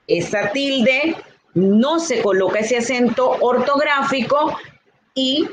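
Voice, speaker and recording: A woman teaching a recorded grammar lesson, her voice sitting fairly high. She speaks very slowly and repeats each point for her students. A faint noise runs underneath. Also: low-quality recording. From Dominican Republic. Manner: slow, deliberate, repeats key points. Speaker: Spanish teacher.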